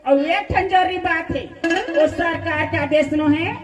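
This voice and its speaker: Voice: extremely high pitch, unhurried. An actor playing a firm, civic-minded village headwoman with a Chhattisgarhi accent, giving authoritative instructions in a rural comedy skit. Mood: firm, instructing. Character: bossy village council head woman, firm, civic-minded. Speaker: village head giving orders. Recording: echoey, distant mic, music behind.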